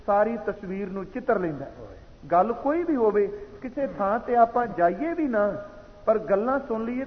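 A man giving a slow, measured sermon that explains recited verses, heard as tinny sound in a reverberant hall. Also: high voice. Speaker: preacher. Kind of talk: katha sermon.

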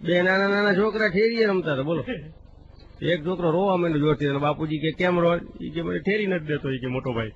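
Lively storytelling comedian, dull recording. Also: male voice, on the high side. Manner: animated, acts out dialogue in quoted voices; recites verse slowly with drawn-out emphasis. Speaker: stand-up comedian. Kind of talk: live comic storytelling in a regional dialect. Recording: dull lo-fi live recording with faint hiss.

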